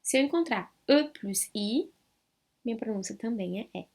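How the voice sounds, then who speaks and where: A woman with a Brazilian Portuguese accent teaching a French lesson online. She repeats each sound slowly and clearly for learners and keeps checking in with the viewer. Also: a little high, expressive, a little mellow. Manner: chatty, with frequent check-ins to the viewer.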